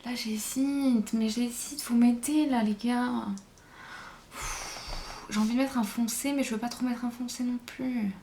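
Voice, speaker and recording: Chatty woman doing a makeup tutorial, kinda high voice, hums of noise behind. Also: steady tone, a little slow, warm tone. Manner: chatty, hesitant, thinking aloud. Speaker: beauty vlogger. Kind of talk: casual makeup tutorial chat.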